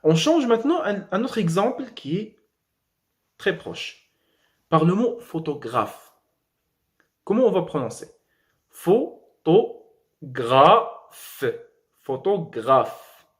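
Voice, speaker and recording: A young man with a Moroccan accent teaching a French lesson, spelling letters slowly and drilling words, with quick asides in Arabic. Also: high voice, big pitch swings.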